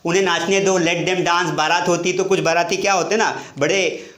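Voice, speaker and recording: A man, teaching a lively whiteboard English grammar lesson in a classroom and often asking questions of his students. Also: high-pitched, normal speed. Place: classroom with board. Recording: echoey room.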